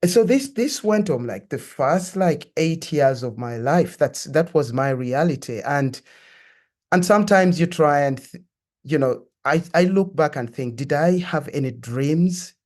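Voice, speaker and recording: A man from Uganda, a guest sharing his life story in an interview, telling it in a reflective, earnest and measured way. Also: fairly high pitch, expressive. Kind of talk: personal testimony in an interview.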